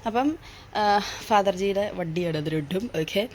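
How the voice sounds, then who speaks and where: A young woman from Kerala, hoarse from a lingering cough, chatting casually to viewers at home in a vlog, with plenty of fillers. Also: mid-range voice, moderate pace, a little mellow, a little hiss or hum. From Kerala, India. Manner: chatty, with many "appam" and "aa" fillers, addressing viewers as guys. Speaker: vlogger. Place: at home, indoors and in the yard.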